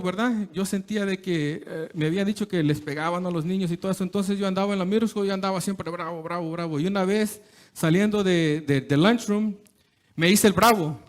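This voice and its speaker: A man preaching an informal sermon, often checking in with "¿verdad?" and mixing in English words. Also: sits high. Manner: conversational, keeps asking "¿verdad?", slips into English words; hesitant restarts, chuckles between phrases.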